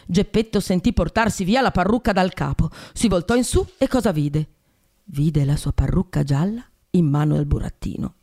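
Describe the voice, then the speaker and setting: A woman podcast host reading a classic tale aloud in a measured, expressive way. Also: on the low side.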